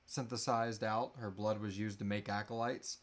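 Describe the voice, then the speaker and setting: Seated in a small room at home, a thirty-something audio drama creator hosts a live Q&A, answering audience questions in an informal, joking chat. His voice sits on the low side, with a flat delivery at normal speed.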